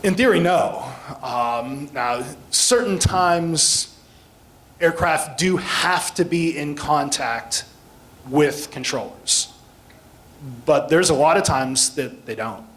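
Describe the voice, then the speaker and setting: An American man, a guest air traffic control instructor, explains things plainly in an informal talk that includes listener questions. His voice is a little high and a bit bright, and he speaks expressively, taking his time.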